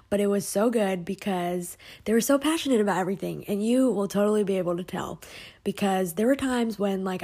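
Young woman podcast host, chatty and upbeat, lots of ums, kinda husky voice, mid pitch. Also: darkish tone. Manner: upbeat, chatty, with frequent fillers. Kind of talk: casual podcast chat.

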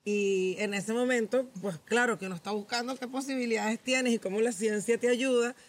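A woman co-host shares a memory in a reflective, conversational tone. Her voice is notably high. She speaks at an easy, chatty pace. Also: steady tone, moderate pace. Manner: reflective, recounting a personal memory. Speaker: podcast co-host. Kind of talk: casual podcast chat.

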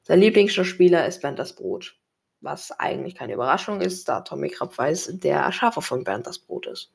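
Book presenter, read-aloud style, gravelly, husky, mid pitch. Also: big pitch swings, moderate pace. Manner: plain reading with occasional slips.

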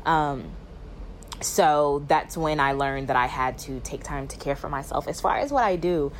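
A young woman from Atlanta sends in a composed, thoughtful voice note. Her voice is notably low for her age, with a faint ambient hum behind her, and she speaks with steady sincerity. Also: a little slow. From Atlanta, Georgia, United States. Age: young adult. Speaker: podcast listener. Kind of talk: voice note message.

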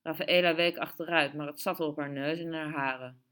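A woman reading a story aloud in steady, measured narration. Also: sits low, smooth. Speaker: audiobook reader. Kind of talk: scripted narration.

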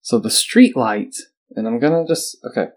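Brief: male podcast host, mid-pitched, reads a creepy story aloud with wry asides. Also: expressive, normal speed. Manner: reads an article aloud, breaking off for joking asides. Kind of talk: casual podcast chat, reading a story aloud.

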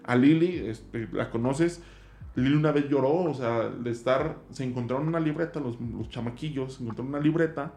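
A man's voice: mid-range voice, fairly quick, a little mellow, reverberant. Slangy Mexican man telling stories. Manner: slangy, peppers speech with "güey". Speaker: guest, zombie walk organizer. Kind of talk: casual storytelling chat.

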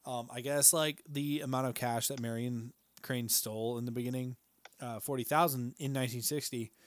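A man's voice: medium pitch, steady tone, moderate pace. A man co-hosting a podcast in casual film chat, laid-back, swearing freely, calling his co-host "dude" and laughing often. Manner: laughs often between remarks.

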